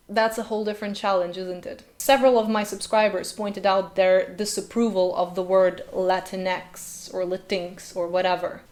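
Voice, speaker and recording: A woman who is a linguist and video host, with Slovenian as her first language, delivers a sarcastic commentary vlog full of rhetorical questions. Her voice is mid-pitched with a darkish tone.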